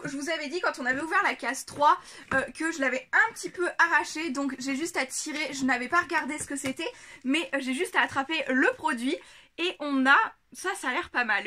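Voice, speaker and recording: Bright, high-voiced chatty woman vlogger. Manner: chatty, giggly, many fillers. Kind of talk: casual unboxing chat. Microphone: camera on a tripod.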